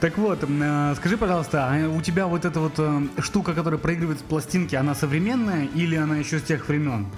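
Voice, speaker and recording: A man's voice: a little high, fast, hardly any pauses, soft background music. A man hosting a radio chat show, joking and teasing his guest and prompting her along. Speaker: radio host.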